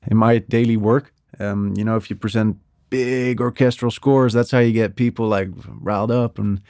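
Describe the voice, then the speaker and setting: A man's voice: on the low side, fairly even intonation, moderate pace, darkish tone, no echo, clean studio sound. A man speaking as a guest in a podcast interview, explaining his work enthusiastically and acting out little sound examples with his voice. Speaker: strategy director at a music agency, podcast guest. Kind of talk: casual interview talk.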